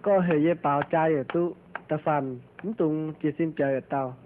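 A man's voice: a little high, steady tone, very slow, slight background noise. A man acting in an amateur drama, chatting casually. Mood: chatty. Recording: tinny phone-like lo-fi.

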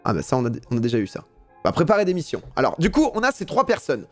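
A man's voice: a little high, wildly swooping pitch, fast talker, soft background music. A man commentating a live gameplay stream in a casual, slangy way, swearing freely and reading game text aloud between remarks.

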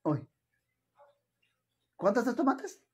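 Husky, dramatic Mexican man streaming. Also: extremely high pitch, very animated, extremely slow. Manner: dramatic, exclamatory, calls viewers "hermanas". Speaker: live-streaming vlogger. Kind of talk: casual live-stream chat.

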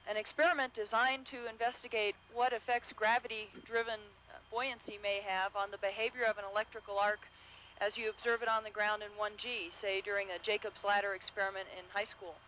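A woman's voice: a little high, a bit bright, slight background noise, rough recording. Methodical woman astronaut explaining. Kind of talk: explaining an onboard experiment.

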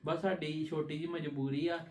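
A man's voice: a little high, level tone, normal speed, darkish tone. A man, the channel's creator, casually explaining a delay to viewers in a friendly way. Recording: echoey room with faint noise.

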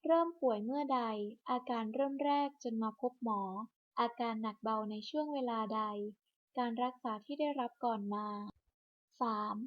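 A woman reading a scripted hospital clinic announcement over a public address system, in a measured, list-by-list delivery. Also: fairly high pitch. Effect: broadcast over a hospital public address system. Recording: muffled lo-fi loudspeaker broadcast.

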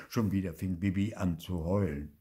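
Older man, storybook reader, husky voice, slow pace. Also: on the low side, highs cut off. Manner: slow, expressive, varied narration. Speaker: storyteller reading a children's book. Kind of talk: storybook reading aloud.

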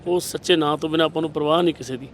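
A man's voice: on the high side, steady tone, very fast, slight background noise. A man, a political candidate giving impassioned, rhetorical interview answers and retelling scenes with quoted dialogue.

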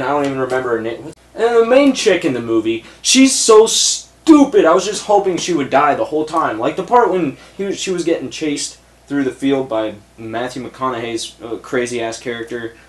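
In an echoey little room lined with shelves, a young adult man sits at a desk and tears into a movie with blunt, profane exasperation. His voice sits in the mid-range.

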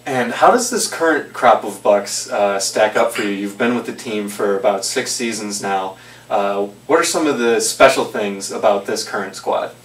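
Young male host for a team's post-game report, lowish voice, brisk questions, roomy office sound. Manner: brisk, scripted intro then plain questions. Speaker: host, interviewer. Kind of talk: sports interview hosting. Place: small office with trophy shelves, indoors. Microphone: handheld mic. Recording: echoey room, mic a bit far off.

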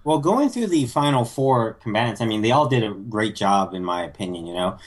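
A man's voice: lowish voice, lively intonation, a little fast. A man co-hosting a casual podcast, recapping results like a newscaster and laughing often between remarks. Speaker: podcast co-host.

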